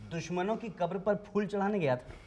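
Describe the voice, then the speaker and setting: Cast: an actor as a sarcastic sitcom wisecracker, very high voice, dry mocking delivery. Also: male voice, normal speed, a little mellow, close to an everyday voice. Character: cheeky sarcastic young man, household wisecracker. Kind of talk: 1990s sitcom acting.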